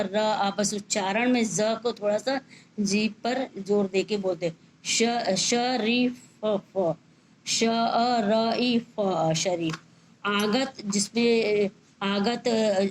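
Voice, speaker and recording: A woman's voice: medium pitch, a little hiss or hum, low-quality recording. A woman teaching a school grammar lesson, spelling out each word sound by sound. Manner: slow, spells out words letter by letter.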